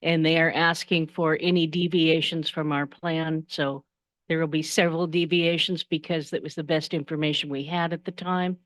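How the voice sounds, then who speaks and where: A woman's voice: low-pitched, flat delivery, moderate pace, dry recording. A woman budget manager explaining plan deviations in a matter-of-fact way. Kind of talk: formal report.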